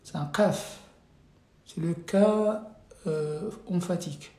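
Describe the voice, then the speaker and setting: Very slow-spoken teacher in an echoey room. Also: medium pitch, dark tone. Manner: patient, drills syllables slowly and repeatedly. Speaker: Arabic reading teacher. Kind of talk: live class correcting students.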